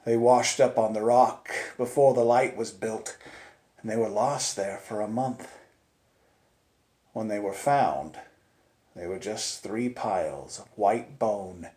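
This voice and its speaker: Pitched on the low side, a man performs a first-person suspense story live, deliberate and theatrical. Dramatic pauses punctuate shifts from hushed near-whispers to loud, urgent peaks, and the recording is roomy and echoing.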